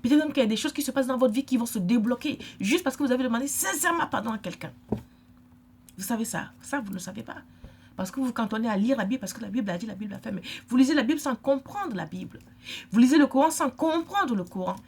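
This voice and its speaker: A woman's voice: on the high side, expressive, quick pace, a little mellow, breathy edge. A middle-aged woman from Africa, giving an emphatic, lecturing vlog monologue and repeating her points. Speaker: vlogger.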